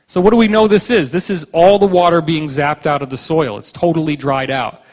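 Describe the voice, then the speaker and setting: Man, conference lecture, joking animated storyteller, higher voice, long hall reverb. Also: brisk. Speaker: conference speaker.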